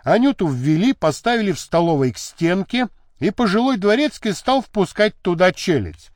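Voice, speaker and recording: Man, audiobook narrator, expressive storytelling, lively pitch, dry close studio sound. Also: moderate pace, dry recording.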